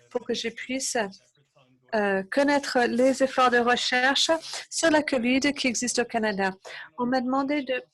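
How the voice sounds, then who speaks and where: A woman with a fairly high voice interprets a lecture webinar live. She keeps a steady flow, with brief hesitations and quick self-corrections.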